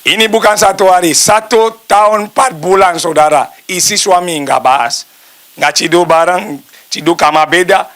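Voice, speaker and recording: A middle-aged man, a pastor, preaching a storytelling testimony sermon that swings between loud and soft while he addresses the congregation directly. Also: sits high, normal speed.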